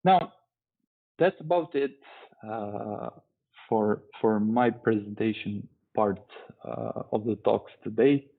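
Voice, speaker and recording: Slow, husky man giving a tech talk. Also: on the low side. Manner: measured, deliberate delivery with pauses. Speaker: conference speaker. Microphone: online talk stream. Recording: tinny phone-like online stream audio.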